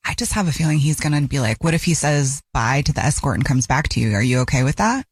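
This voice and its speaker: A woman's voice: low-pitched, animated, fast, slightly rough, dry recording. A woman co-hosting a radio talk show, asking chatty, probing questions.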